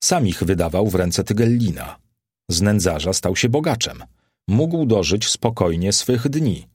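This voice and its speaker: A man's voice: fairly low pitch, expressive, a little slow, a little mellow, husky, no room sound, studio quality. A man reading the part of a Roman courtier who wonders aloud in a puzzled, gossiping way.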